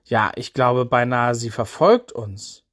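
A man's voice: medium pitch, takes it slowly, fairly bright tone. A man voicing an anxious young disciple who worries about strangers watching, in a children's Bible story. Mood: worried. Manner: nervous, fretful.

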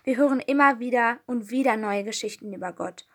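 A woman's voice: fairly high pitch, a little fast, husky. A thoughtful male disciple in a storybook, speaking earnestly about what he learns. A woman reads him aloud close to her own voice.

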